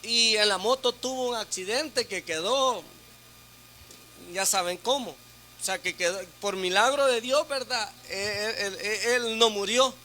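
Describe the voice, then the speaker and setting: Man, deacon, sermon, very bright tone, rhetorical questions, repeats words. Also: high voice, a little slow, a little hiss or hum. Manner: teaching with rhetorical questions to the congregation; speaks loudly on questions, then drops to a soft aside. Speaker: deacon preaching. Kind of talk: sermon to a women's church meeting.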